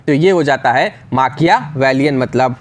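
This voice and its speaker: A man teaching English spellings for exams, spelling words out slowly letter by letter and checking in often. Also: medium pitch. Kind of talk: exam spelling lesson.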